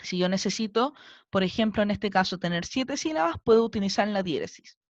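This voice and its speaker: A woman's voice: medium pitch, expressive, a little fast, no room sound, dull audio. A woman teacher with a Chilean Spanish accent, giving a recorded lesson and patiently counting syllables aloud step by step. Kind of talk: recorded online class lesson.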